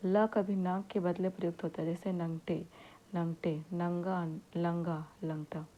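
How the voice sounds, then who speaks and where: A woman teaching an exam-prep grammar lesson, saying each example word slowly and then repeating it. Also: on the low side, flat delivery, highs cut off, a little hiss or hum.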